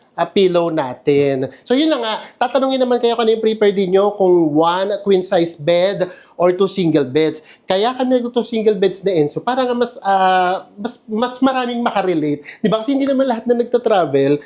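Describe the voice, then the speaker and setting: A man's voice: high voice, moderate pace, a little mellow. A man giving a casual, chatty tour of a hotel room, laughing often and making playful asides. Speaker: travel vlogger.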